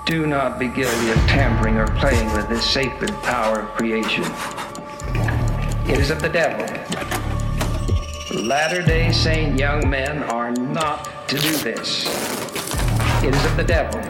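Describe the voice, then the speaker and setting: A solemn churchman, played by a man, delivers grave, repetitive warnings about sin. His voice echoes heavily and sits under loud music, like a preachy film trailer. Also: medium pitch, unhurried, pauses often, lightly acted.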